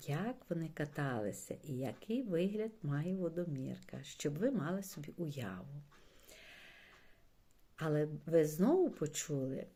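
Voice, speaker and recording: Expressive woman teacher reading a storybook. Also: low voice, slightly rough. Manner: gentle, expressive storytelling addressing children. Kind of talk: reading a children's story aloud.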